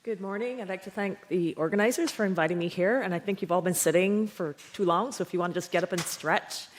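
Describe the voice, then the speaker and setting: A woman's voice: on the low side, quick pace, a little hiss or hum. A middle-aged woman from Barbados, a professor giving a chatty conference talk about her own journey, laughing easily. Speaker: keynote speaker, professor. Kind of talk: conference talk, personal story. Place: large auditorium. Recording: hall reverb from a PA.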